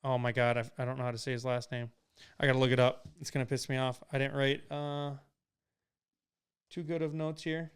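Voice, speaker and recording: A man's voice: medium pitch, flat delivery, fairly quick, clear, resonant tone. A young man from Wisconsin co-hosting a casual podcast, giving emphatic, opinionated sports talk. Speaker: podcast co-host.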